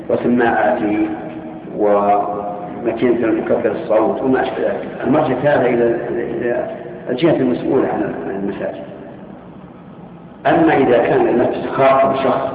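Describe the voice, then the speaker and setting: A man teaching as a sheikh, answering questions with firm, reasoned rulings. His brisk voice rings through a long hall reverb and comes from a distance. The sound is thin and phone-like, with a faint hiss underneath. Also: mid-range voice. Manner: measured, authoritative rulings with reasoning. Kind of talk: religious Q&A lesson. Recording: echoey hall from far off, tinny lo-fi, faint hiss.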